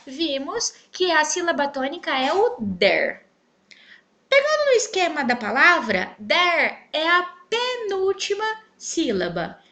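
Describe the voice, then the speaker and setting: A woman teaching a grammar lesson, speaking clearly and stretching out syllables to show the stressed one. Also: high-pitched, sing-song, slow, bright, forceful tone. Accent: Brazilian Portuguese. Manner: clear, emphatic, stretches syllables when spelling out words.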